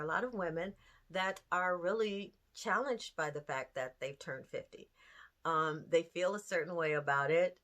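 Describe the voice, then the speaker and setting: Host, woman, late fifties, lowish voice, earnest direct-to-camera chat with rhetorical questions. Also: a bit bright. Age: 50s. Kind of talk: candid talk to camera.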